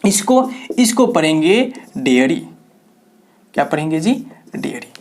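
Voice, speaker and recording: His voice is a little high and darkish, very animated, with a slightly slow pace. He's an English teacher from Bihar, India, giving a classroom-style video lecture where he spells words out letter by letter and answers his own rhetorical questions to viewers.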